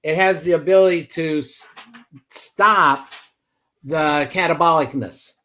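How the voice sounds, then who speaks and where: Man, fairly high voice, host, casual livestream chat, rambling storyteller. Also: slow pace, bright, forceful tone. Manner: rambling storyteller with many restarts.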